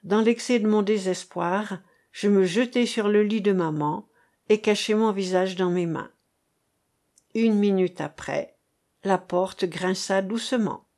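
A woman reading a novel aloud in a measured, unhurried way. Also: mid-range voice, darkish tone. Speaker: audiobook reader. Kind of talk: read literary narration.

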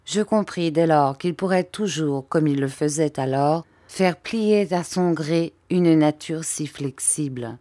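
A woman narrating a classic novel in a steady, expressive reading voice. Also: low-pitched, slow, few pauses, no room sound. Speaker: audiobook reader. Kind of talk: scripted narration.

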